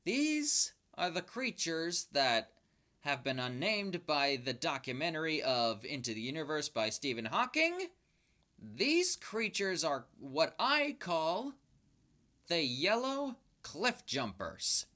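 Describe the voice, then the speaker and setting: A speaker presenting a countdown in a horror-host manner, with theatrically spooky asides and dramatic pauses. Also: medium pitch, big pitch swings, bright, forceful tone. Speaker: host of a top-ten creature countdown video. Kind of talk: spoken countdown commentary, semi-improvised.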